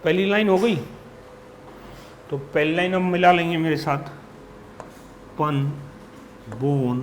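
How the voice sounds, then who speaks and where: Male shorthand tutor with a slightly high voice, very slow and patient, faint room noise behind. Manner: reads out word lists one by one, patient and deliberate. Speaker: shorthand teacher. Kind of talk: classroom lesson, dictating practice words.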